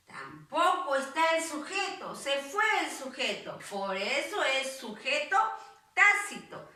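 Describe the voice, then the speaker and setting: A woman's voice: high voice, bright, forceful tone, far from the mic. A woman teaching a grammar class to children, patiently repeating and asking them questions, with a Peruvian Spanish accent. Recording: echoey room, voice off-mic.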